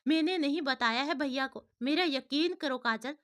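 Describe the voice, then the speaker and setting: A caring young woman scolds and soothes her friend in a bright, high voice, as a woman storyteller reads her. She sounds affectionate and bossy, a storybook sister figure. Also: moderate pace. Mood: reassuring.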